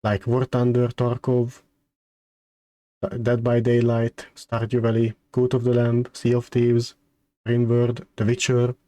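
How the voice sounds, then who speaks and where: A man streamer chatting casually on a livestream, halting and hesitant, often repeating his words. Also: medium pitch, completely flat delivery, warm tone, no room sound. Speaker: streamer hosting a debut stream.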